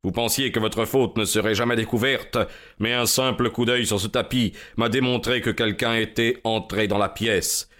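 A man's voice: lowish voice, fairly even intonation, moderate pace, a bit bright, close to an everyday voice. An actor playing a pompous, self-important male police inspector in a radio drama.

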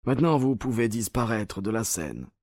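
An actor playing an ailing, cunning detective in a radio play, whose voice is weak. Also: male voice, fairly low pitch, animated, normal speed, darkish tone, no room sound, clean studio sound. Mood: urgent. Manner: weak voice, commanding when roused.

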